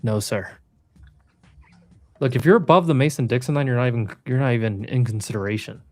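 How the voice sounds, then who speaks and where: A man's voice: medium pitch, fairly quick, a little mellow. A man from New England hosting a live trading stream, bantering casually and teasing his co-hosts with firm opinions.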